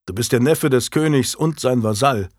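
Man reading a medieval lord, calm, earnest, generous, mid pitch, dry audio. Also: moderate pace, dry recording, lightly acted.

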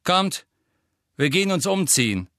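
A man reading aloud voices a bossy teenage girl, the team captain, with sharp, loud commanding calls. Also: high voice, sing-song, unhurried, dry recording, studio quality, voice pushed up, exaggerated voice. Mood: brisk.

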